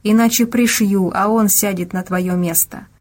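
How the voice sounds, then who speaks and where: A woman's voice: mid-range voice, fairly even intonation, normal speed, a little mellow, natural voice. A woman voicing a desperate armed man who barks harsh orders in an audiobook. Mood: menacing. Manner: barking orders.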